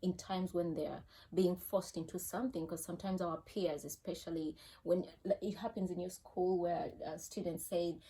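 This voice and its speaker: A woman's voice: fairly low pitch, fairly even intonation, moderate pace, few pauses, warm tone. Ugandan-accented woman, mother figure; earnest, cautioning, casual advice talk. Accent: Ugandan English. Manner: earnest, cautioning, repeats herself.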